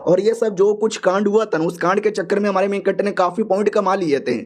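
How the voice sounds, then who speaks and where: A man's voice: high-pitched, quick pace. A man narrating a comic recap in a chatty, slangy, joking storytelling way.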